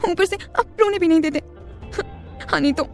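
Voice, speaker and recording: A woman's voice: high voice, quick pace, soft background music, lightly acted. A woman playing a timid, innocent young woman. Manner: soft and innocent, whiny when upset.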